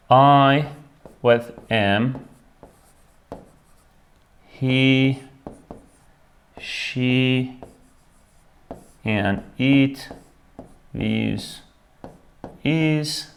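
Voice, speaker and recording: A medium-pitched, gravelly yet somewhat bright and smooth male voice leads a beginner English grammar lesson. The teacher, a native Turkish speaker, goes slowly, repeating each word, translating into Turkish and confirming with "right?" after each point.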